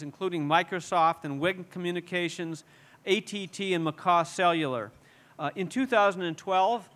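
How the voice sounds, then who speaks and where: A man's voice: high-pitched, a bit bright. A man hosting an awards dinner, introducing the next speaker with some hesitant fillers. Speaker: event host. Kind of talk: formal introduction.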